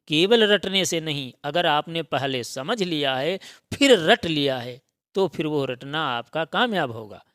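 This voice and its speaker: A man's voice: fairly high pitch, fairly bright tone, no room sound, clean studio sound. A man teaching a grammar lesson for exam preparation, drilling the sounds by repetition and checking often that students follow. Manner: slow, repetitive drilling, frequent check-ins.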